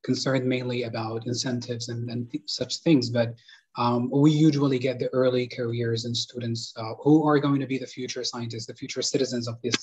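Joining a conference panel over video call from his living room, a young man from Sudan serves as panelist and moderator, speaking hesitantly with lots of fillers and restarts. His husky, slightly mellow voice is medium-pitched, flat, and a little fast, heard through dull lo-fi call audio.

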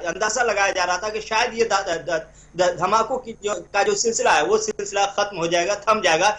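High-voiced halting young male correspondent. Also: fairly bright tone. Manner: halting, repeats and restarts words. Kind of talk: live news analysis. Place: remote live link.

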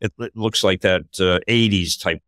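Over a video call from his home office, an older podcast host tells a story in casual talk, his low-sitting voice at normal speed climbing whenever he gets excited. The studio-quality audio has no room sound.

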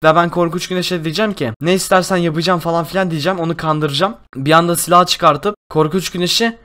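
A young man hosting a Minecraft role-play, talking in an excitable, exclamatory way. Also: on the high side, quick pace. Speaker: gaming YouTuber host.

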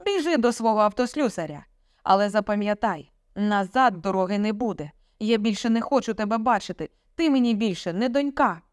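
A woman's voice: mid-range voice, lively intonation, fairly quick, clean tone, no echo, natural voice. Brief: woman doing an angry, sarcastic storybook father, raised and strained, dry close sound. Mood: cold anger. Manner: shouting, sarcastic, commanding. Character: stern domineering middle-aged father, furious.

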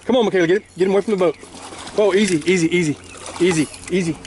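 A man working as a fishing guide, coaching and cheering his clients from the boat in an excited, repetitive way. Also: high-pitched, racing. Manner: enthusiastic, cheering, repeats praise. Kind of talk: excited on-the-water coaching commentary. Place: outdoors on a small fishing boat in a canal. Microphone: action camera mounted on the boat. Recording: outdoor wind and water noise.

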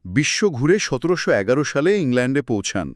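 A man's voice: mid-range voice, big pitch swings, fast talker, dry recording, studio quality. A man co-hosting a scripted history conversation, explaining in short clauses and asking musing questions. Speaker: co-host. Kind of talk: scripted two-host history chat.

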